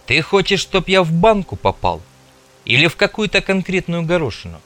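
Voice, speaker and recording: A man's voice: sits high, very animated, normal speed, a bit bright, faint music behind, voice pushed up. A man voicing a wary male stalker who banters sardonically, in an audiobook reading. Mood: mocking.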